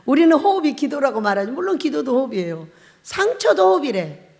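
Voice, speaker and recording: A woman's voice: high-pitched, very animated, fast, vocal fry, darkish tone. A woman pastor giving a revival sermon, telling stories and acting out the voices she quotes. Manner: storytelling, acts out quoted voices, laughs often. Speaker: pastor, head of a fasting prayer house. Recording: long hall reverb.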